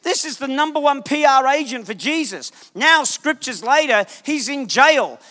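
Male preacher, high voice, animated and jokey, shouting bits for emphasis, church hall echo. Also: moderate pace. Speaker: guest preacher. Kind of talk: lively sermon. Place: church sanctuary.

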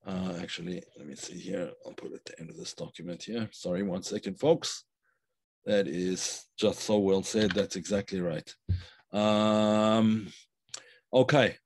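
A man with a low voice teaches a live online class, speaking slowly and thinking aloud with plenty of fillers and restarts. He reads out viewers' comments and praises them. The sound is dry and close, with no room echo. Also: steady tone. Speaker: Kabbalah teacher.

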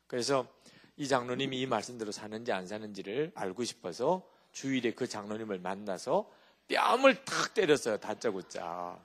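A man's voice: lowish voice, moderate pace. A male pastor giving a sermon, telling stories with animation and often checking in with his listeners. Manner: animated storytelling with rhetorical check-ins to the congregation.

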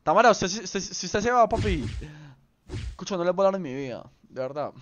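A man's voice: high voice, lively intonation, a little fast, no room sound. A young man chatting casually with viewers on a game livestream, playful and rambling, full of slang. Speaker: streamer. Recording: slightly dull lo-fi stream audio.

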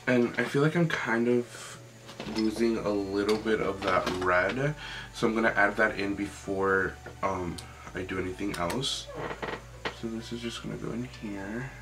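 A man's voice: lowish voice, measured pace, noisy background. A young man giving a casual, chatty makeup tutorial in an informal way, with lots of "like". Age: young adult. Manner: chatty, informal, often says "like". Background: music.

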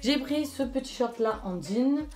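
A woman's voice: high-pitched, lively intonation, unhurried, a little mellow. Chatty young woman showing clothes. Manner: chatty, enthusiastic, many fillers. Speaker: fashion vlogger. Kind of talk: casual try-on haul chat.

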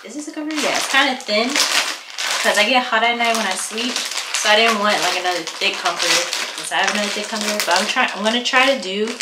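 A woman's voice: medium pitch, quick pace. A young woman chatting casually to viewers while she does chores at home, filmed on a camera mic as she moves around. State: out of breath. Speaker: vlogger. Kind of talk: casual vlog chat. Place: small apartment at home, indoors. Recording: echoey room with noise.

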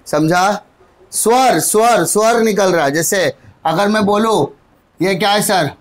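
A high-pitched Indian man teaching English grammar in a mix of Hindi and English, taking his time and drawing out each word. He addresses students fondly as "my dear" and asks his own questions before he answers them. He spells key phrases out one word at a time. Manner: spells out letters and words slowly, one at a time.

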